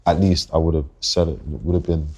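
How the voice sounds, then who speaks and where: Very deep flat-voiced young London man. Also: slightly rough. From England. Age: 20s. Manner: reflective, halting, circles back to restart thoughts. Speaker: guest rapper. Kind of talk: podcast interview.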